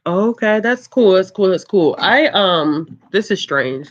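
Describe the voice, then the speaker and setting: Reading out comments from viewers, a book channel host keeps a measured pace during a relaxed livestream chat. The low, calm voice laughs often and leans on lots of ums, and the recording's highs are cut off.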